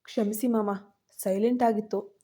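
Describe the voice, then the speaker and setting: A woman voicing a gentle, patient young wife in a storybook reading, soft and pleading. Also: medium pitch, fairly even intonation, normal speed, close to an everyday voice. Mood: hurt.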